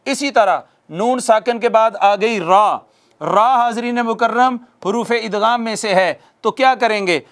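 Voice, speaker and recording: A man with a high-pitched voice teaches a class the rules of Quran recitation. He works through each rule step by step, asks questions and answers them himself. He repeats Arabic examples slowly and draws them out. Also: fairly bright tone. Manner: addresses listeners formally. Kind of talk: classroom lesson on tajweed rules.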